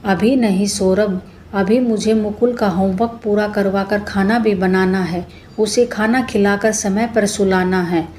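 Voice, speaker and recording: Lady doing a busy middle-aged wife, practical and brisk, mid-range voice. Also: medium pitch, steady tone, darkish tone, slight background noise, close to an everyday voice.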